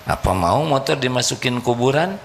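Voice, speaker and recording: A man's voice: mid-range voice, expressive, normal speed, a little hiss or hum. A man preaching a live sermon, joking and quizzing the congregation with questions. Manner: humorous, quizzes the audience. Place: live religious gathering.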